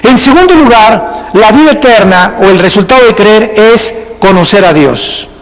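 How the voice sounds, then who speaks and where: A man's voice: high-pitched, animated, moderate pace. A male pastor preaching a sermon in a large church, driving his points home with emphatic repetition and acting out what churchgoers say. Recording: long hall reverb.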